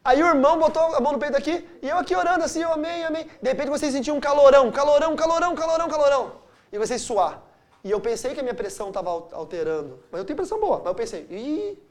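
Middle-aged male pastor from Brazil, animated Bible-study teacher, dynamic storyteller. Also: very high-pitched, racing. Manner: animated storytelling with wide swings of loudness.

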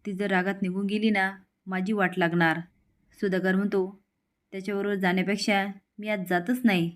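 Woman recapping a tv serial episode, reads everyone's lines in her own plain voice, middle pitch. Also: level tone, normal speed. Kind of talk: narrated episode recap with quoted dialogue.

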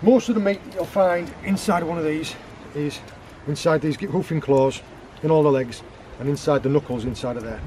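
A guest forager in his thirties, his voice a little high, mellow and at normal speed, stands on a rocky beach showing how he cooks. He works with his hands and explains his seafood prep step by step in a casual how-to, with a slight hiss or hum on the recording.

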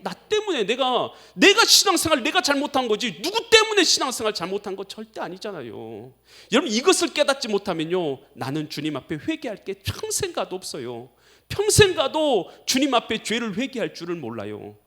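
A man's voice: high voice, wildly swooping pitch, brisk, pushed and bright. A middle-aged male pastor preaching a sermon with emphatic delivery, often calling out to the congregation and acting out prayers.

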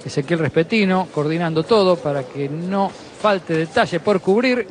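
Clear venue noise sits behind this man's fairly high voice. He commentates on boxing live, analysing the fight in a conversational way. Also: animated, moderate pace.

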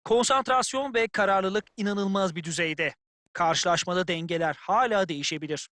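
Opinionated game football analyst, high voice, bright tone, analytical delivery, dry studio sound. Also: male voice, moderate pace, no echo. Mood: assessing. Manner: analytical, full sentences. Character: measured, opinionated male football pundit. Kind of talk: football colour commentary in a video game.

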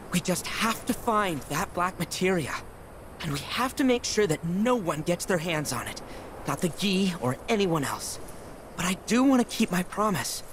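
A man's voice: high voice, noisy background. An actor voicing an earnest young male beast, the determined son of a fallen guardian, in a game cutscene.

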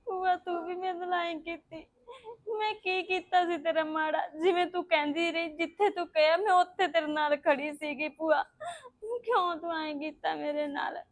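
A woman's voice: very high voice, steady tone, brisk. A woman acting a distraught young widow who speaks through crying, pleading and tearful. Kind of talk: Punjabi web drama acting.

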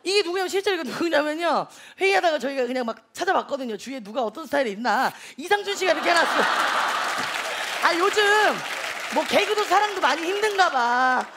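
A man's voice: very high voice, lively intonation, fast, crowd noise. A comedian playing a brash, chatty young female online-lecture teacher who teases a live audience in a TV comedy sketch. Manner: loud, bragging, teasing the audience. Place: TV comedy stage. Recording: studio audience laughter and noise.

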